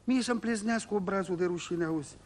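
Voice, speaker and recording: A man telling a rustic comic monologue in a folksy way, turning often to his listeners. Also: high voice. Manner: folksy, addresses listeners directly. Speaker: comic storyteller.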